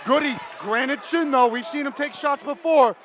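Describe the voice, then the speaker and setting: A man giving live MMA commentary from cageside in an excitable, emphatic way. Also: very high voice, moderate pace, a crowd in the background. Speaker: fight commentator. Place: cageside at a live fight event. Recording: noisy live venue ambience.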